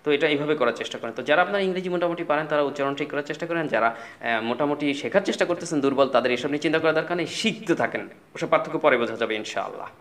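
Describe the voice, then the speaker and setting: A man's voice: a little high, very fast, a bit bright. A man teaching spoken English, patiently explaining and repeating words and spellings.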